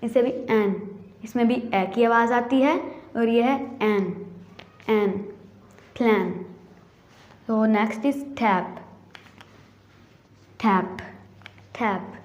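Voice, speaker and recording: Slow, high-voiced woman teaching phonics. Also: darkish tone, roomy sound. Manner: repeats each word slowly, stretching the sounds. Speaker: English teacher. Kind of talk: phonics lesson for kids.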